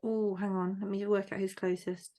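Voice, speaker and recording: A podcast host runs a quiz, keeping things casual and playful and poking fun at herself. Her voice is medium-pitched with a dark, level tone and a moderate pace.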